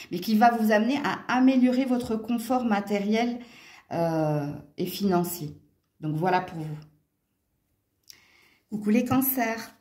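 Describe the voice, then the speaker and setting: Speaking in a slightly high, mellow voice, this woman with a Franche-Comté French accent does a relaxed card reading for viewers, covering tarot and astrology from her home near a window. Her talk is chatty and peppered with small exclamations and "hein"s, with a roomy echo on the recording.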